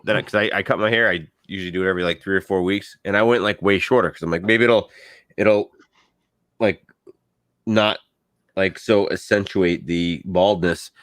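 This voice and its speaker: A man's voice: low voice, fairly even intonation, normal speed, fairly bright tone, no room sound, clean studio sound. A man with a Boston accent co-hosting a casual podcast, joking and stammering through restarts. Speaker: podcast co-host. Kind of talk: casual chat.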